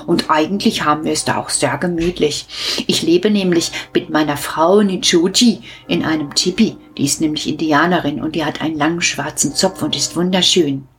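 A woman voicing a gentle, enchanted man in a children's story, calmly explaining himself. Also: deep voice, moderate pace. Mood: patient, explaining. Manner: patient, explaining. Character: gentle, patient enchanted man far from home. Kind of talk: storybook reading.

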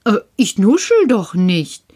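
A woman presenting a children's show, chatting with a puppet figure and musing aloud slowly. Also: mid-range voice, sing-song, warm tone, slightly rough. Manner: slow, musing, wondering aloud.

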